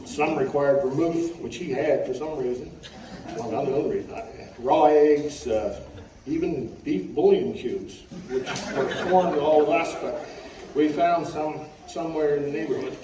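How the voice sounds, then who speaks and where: Delivering a eulogy in an echoey funeral room, this man, middle-aged or older, works from notes and tells funny stories with a dry, folksy touch. He speaks a little high and a little slowly, clearing his throat often. A distant mic gives a roomy sound with faint noise underneath.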